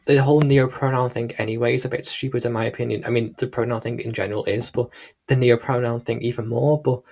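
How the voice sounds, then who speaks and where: A man's voice: medium pitch, steady tone, fast, vocal fry, a little mellow. A man with a Liverpool Scouse accent giving casual, rambling, disapproving commentary in a hesitant way. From Liverpool, England. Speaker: reaction video host.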